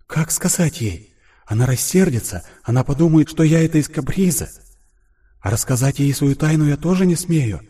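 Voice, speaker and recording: A man's voice: on the high side, expressive, moderate pace, warm tone, breathy edge, pitched above the performer's own voice. A man voicing a timid, tearful young seamstress. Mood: anxious.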